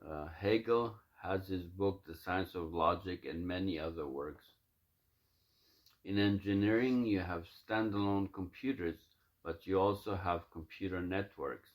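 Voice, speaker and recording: A man with a deep, low voice records himself at home, first chatting loosely about what he is about to read and then reading aloud from his own typed notes. He talks in a halting way, stopping for fillers and restarting his sentences often. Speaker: self-recording reader of his own writings.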